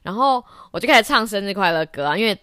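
A woman hosting a podcast, telling a story in a casual, animated way, laughing often and slipping into English phrases. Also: mid-range voice, fast talker, clean tone, no echo, studio quality. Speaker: podcast host. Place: office during lunch break.

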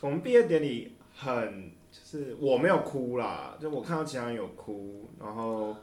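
A man's voice: medium pitch, expressive, moderate pace. Teasing man in an echoey room. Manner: teasing, playful reactions. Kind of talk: casual chat.

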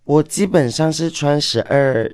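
A man with a husky, smoky voice, answering interview questions in a languid, lazy way. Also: a little high, unhurried, a little mellow, no room sound. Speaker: guest, drag queen performer.

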